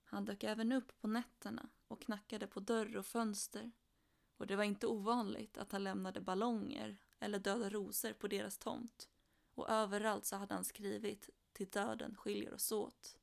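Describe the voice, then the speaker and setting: Woman narrator for a true crime story, even delivery, some vocal fry. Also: medium pitch.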